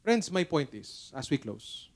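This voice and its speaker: A man's voice: on the high side, sing-song, unhurried. A middle-aged man with a Filipino accent preaching a sermon at a church service, telling stories in an earnest, conversational way. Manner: mixes English and Tagalog, storytelling, earnest. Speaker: pastor.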